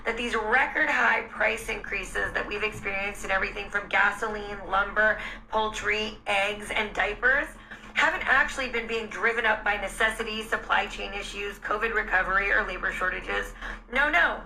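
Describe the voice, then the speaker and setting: Bright, indignant woman commentator. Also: medium pitch, moderate pace, a little hiss or hum, low-quality recording. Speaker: political commentator. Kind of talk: scripted commentary.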